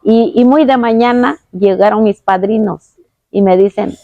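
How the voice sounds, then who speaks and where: A woman's voice: medium pitch, a little slow, vocal fry, dark tone, no echo, muffled recording. Earnest woman telling her testimony. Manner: earnest storytelling with many restarts. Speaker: guest giving a testimony. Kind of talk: personal faith testimony.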